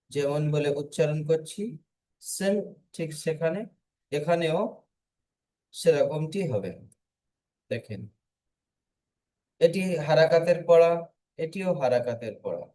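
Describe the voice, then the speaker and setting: A male teacher leading an online reading class, spelling out letters slowly and patiently. His voice is mellow and unhurried, and he asks the students to repeat after him. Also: on the high side, low-quality recording. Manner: slow, patient, drills letters aloud and has students repeat.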